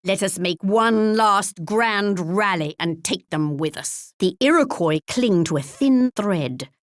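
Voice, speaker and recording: A woman's voice: mid-range voice, lively intonation, takes it slowly, no echo, studio quality. An actress playing a regal, wry English queen in a video game, with a British accent and a pompous, formal, archly polite delivery. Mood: stately, wry. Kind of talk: theatrical video game character voice lines.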